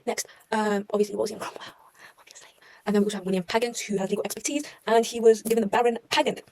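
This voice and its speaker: This young woman rattles through her history notes rapid-fire in a mid-range, dark, steady voice, and the recording is rough. She's chatty and self-deprecating, breaking off with wry asides and corrections.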